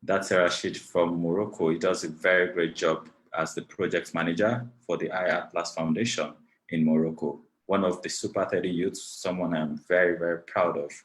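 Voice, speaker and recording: A Nigerian man moderates an online panel over a video call, speaking graciously and formally as he thanks many people at length. His voice is deep and steady, at a normal speed.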